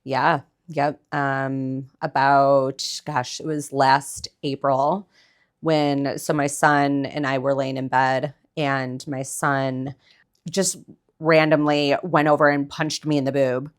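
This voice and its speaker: Low-voiced woman, chatty podcast guest. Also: level tone, slow pace. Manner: chatty, heavy filler "like", blunt and swears casually. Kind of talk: candid conversational interview.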